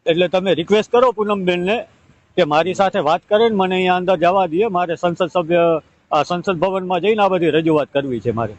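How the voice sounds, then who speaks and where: On a recorded phone call, a man from Gujarat, India, with a Saurashtra Gujarati accent pleads insistently for help and keeps repeating his request. His voice sits high and moves fairly quickly, with no room sound.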